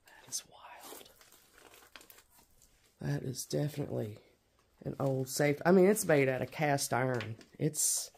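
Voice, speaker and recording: Slow gravelly man exploring a ruin. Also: medium pitch, a little mellow, a little hiss or hum. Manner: amazed, exclaiming often. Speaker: urban explorer vlogger. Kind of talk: walkthrough narration of an abandoned house. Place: inside a derelict house. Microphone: handheld camera mic.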